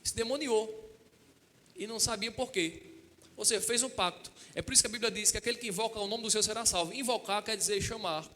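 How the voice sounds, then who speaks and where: A middle-aged pastor delivers a storytelling sermon in a high-pitched, fast voice with a long reverb tail. He retells it lively, acting out dialogue and often asking the congregation "Amém?" and "Quem entende?"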